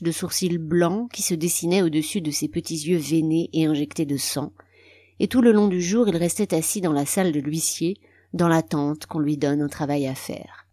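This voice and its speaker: Calm low-voiced woman reading a story. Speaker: audiobook narrator. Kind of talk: scripted literary narration.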